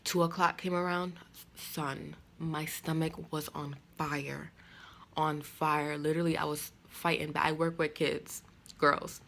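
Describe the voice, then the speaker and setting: A woman's voice: low voice, flat delivery, measured pace, gravelly, a bit bright, slight background noise. A young woman in a casual vlog, telling a personal story candidly and quoting others with animation. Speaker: vlogger.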